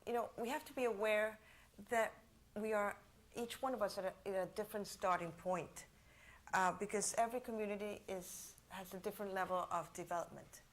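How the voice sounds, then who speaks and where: A woman from Venezuela giving thoughtful remarks as a conference panelist, often pausing on fillers. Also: medium pitch.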